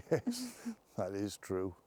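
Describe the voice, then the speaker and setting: A man hunting ghosts outdoors in a forest at night. He calls out questions to spirits, then talks quietly to his companion. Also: lowish voice, huge pitch swings, extremely slow. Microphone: camera held by a companion.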